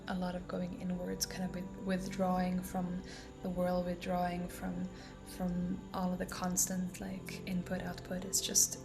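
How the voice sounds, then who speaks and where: In a promotional vlog, a woman working as a breathwork guide chats casually, taking her time and wandering between thoughts with reflective pauses. Her voice is on the low side and goes breathy as each phrase winds down.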